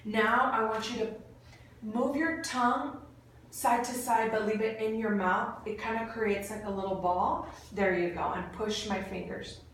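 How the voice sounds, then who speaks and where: A woman's voice: a little high, steady tone, unhurried. Encouraging lady clinician giving exam instructions, really echoey, far from mic, bit of noise. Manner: encouraging, frequent short praise. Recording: very echoey room, distant mic, faint noise.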